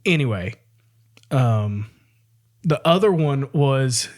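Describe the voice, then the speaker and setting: A man's voice: mid-range voice, animated, slow pace. Laughing man chatting on a podcast. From American South. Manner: rambling, laughs often, restarts. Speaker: podcast co-host. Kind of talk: casual chat.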